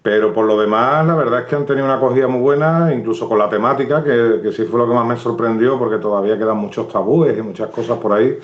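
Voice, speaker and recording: A man with a Cádiz Andalusian accent, a writer being interviewed in a live video call, talking in a relaxed way with many fillers and restarts. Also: mid-range voice, fast talker, hardly any pauses, reverberant, highs cut off. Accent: Cádiz Andalusian Spanish. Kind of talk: casual interview chat. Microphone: phone on a stand, live video call.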